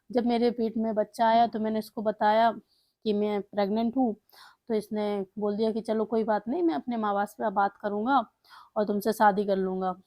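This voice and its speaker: A woman's voice: on the high side, mellow, no room sound. A woman casually telling a family story, retelling the dialogue in her plain voice with fillers and restarts.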